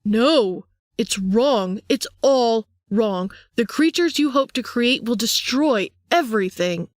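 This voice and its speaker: A woman's voice: on the high side, animated, takes it slowly, no room sound, clean studio sound. A woman voicing a young vampire man pleading with his brother in an audiobook. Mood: distraught.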